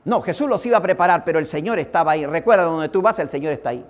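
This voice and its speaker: A man's voice: a little high, lively intonation, racing. A man preaching a sermon, telling a personal story and addressing his listeners as brother.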